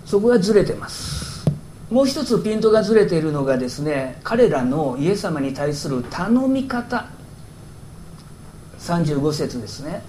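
A man's voice: a little high, sing-song, moderate pace, mellow, slight background noise. A male pastor giving a conversational sermon, explaining with rhetorical questions and asides.

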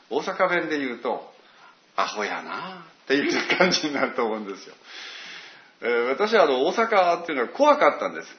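A man's voice: medium pitch, reverberant, highs cut off. A man preaching a sermon, telling it like a story with dramatic quoted asides. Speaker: pastor.

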